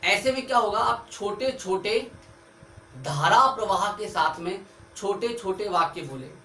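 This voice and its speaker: A man's voice: high-pitched, lively intonation, normal speed, pushed and bright. A man teaching an online grammar lesson, explaining step by step as he writes on a board. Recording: echoey room, far from mic, faint background hiss.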